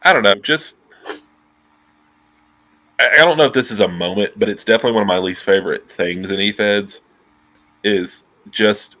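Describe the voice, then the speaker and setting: This low-pitched, nasal-voiced man in his thirties joins a video call as a guest, talking through earbuds. His interview chat is casual and full of swearing, and he's animated, gesturing constantly. The setting is a dimly lit room inside his home.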